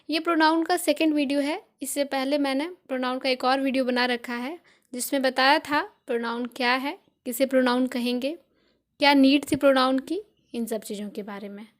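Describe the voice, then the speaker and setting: A young Indian woman teaching English grammar in a video lesson, patiently repeating each point with examples. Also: high-pitched.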